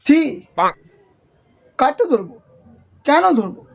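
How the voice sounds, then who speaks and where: Woman playing a high-voiced, melodramatic young student. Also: big pitch swings, takes it slowly, a little mellow, dull audio, heavily acted. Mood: cheeky. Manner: theatrical, whining repetition. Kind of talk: cartoon comedy skit.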